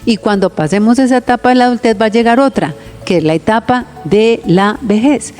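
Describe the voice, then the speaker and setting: A woman's voice: a little high, a little fast, darkish tone, soft background music. A woman preaching on the radio, speaking earnestly and often turning to address her listeners directly. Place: radio studio.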